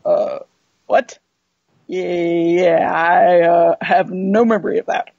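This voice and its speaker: A woman's voice: on the low side, fairly even intonation, takes it slowly, vocal fry, dry recording, muffled recording, heavily acted. A woman playing a tipsy, indignant, stammering hotshot in an improvised comic role-play, making excuses. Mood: indignant, defensive. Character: boozy, defensive, evasive male hotshot pilot and his exasperated princess.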